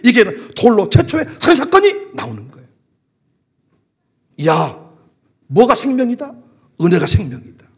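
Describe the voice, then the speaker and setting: A man preaching a sermon as pastor, with a Jeolla dialect, moving between loud emphatic calls and soft asides. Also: very high-pitched.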